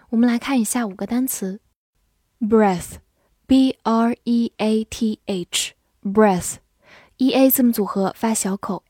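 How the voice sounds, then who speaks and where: Clear dry-voiced woman teaching vocabulary. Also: on the high side, dry recording. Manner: clear, even teacher's delivery, slows to spell and read aloud. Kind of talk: scripted vocabulary lesson.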